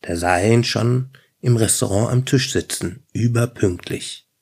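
A man reading a story aloud in a measured, steady way, as narrator. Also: on the low side, breathy edge. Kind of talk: audiobook narration.

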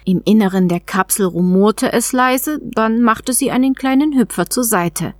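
A woman reading a children's story aloud in a calm, even way. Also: on the high side, normal speed, no room sound. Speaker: narrator. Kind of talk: audiobook narration.

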